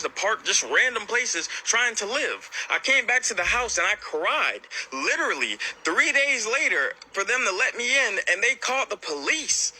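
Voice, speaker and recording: Man in his late twenties, first-person storytelling, very bright tone, emotional, stumbles over words when upset. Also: high voice, a little hiss or hum, low-quality recording. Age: late 20s.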